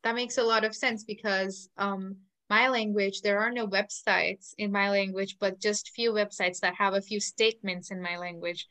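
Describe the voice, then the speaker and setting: A woman's voice: mid-range voice, fairly even intonation, normal speed, hardly any pauses, a bit bright. A woman from India, asking thoughtful questions in a casual discussion.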